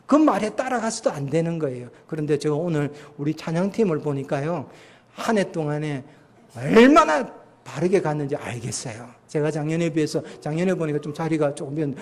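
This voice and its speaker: A man's voice: on the high side, a little mellow. A middle-aged male pastor preaching a sermon, asking rhetorical questions and acting out quoted lines.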